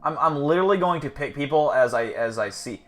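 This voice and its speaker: A man's voice: on the high side, expressive, brisk, fairly bright tone, soft background music. A man hosting a casual livestream, rambling, swearing and joking with his chat. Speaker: livestream host.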